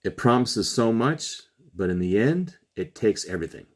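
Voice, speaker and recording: A middle-aged man hosting a solo commentary show, urging listeners earnestly with slow, emphatic pauses. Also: on the low side, expressive. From Trinidad and Tobago. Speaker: podcast host.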